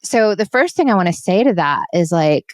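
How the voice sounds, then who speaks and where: A woman from Hawaii co-hosting a podcast, talking casually in halting phrases full of fillers. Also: fairly low pitch, big pitch swings, no echo, studio quality. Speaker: podcast co-host. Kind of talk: casual conversation.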